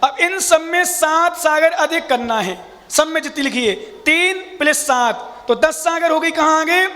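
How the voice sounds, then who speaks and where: A man, a monk, teaching a scripture class, explaining step by step, quizzing his listeners and chanting verses slowly. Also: very high voice, pushed and bright, in a large hall.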